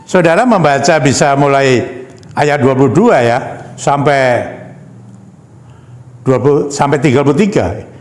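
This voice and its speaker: A man's voice: mid-range voice, lively intonation, a little slow, long pauses. A man preaching a sermon in a church hall. He reads scripture aloud, then comments on it emphatically, calling on the congregation as "brothers and sisters" and asking them rhetorical questions. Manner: addresses the congregation as "Saudara" and asks rhetorical questions.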